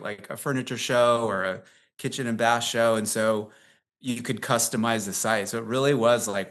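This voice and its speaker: This American man in his fifties speaks in a lowish, fairly bright voice with no accent. As a tech CEO guest on a casual interview, he rambles through long anecdotes, chatty and laughing, his speech packed with "like" and "um."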